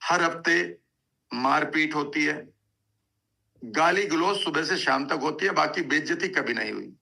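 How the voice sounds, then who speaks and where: A man voicing a deadpan businessman friend who denies everything without fuss. The tone is bright and edgy with a gravelly texture, and the speech stays even and matter-of-fact. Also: on the high side, measured pace, exaggerated voice, poor audio. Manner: calm, matter-of-fact denials. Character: patient adult man friend running a business.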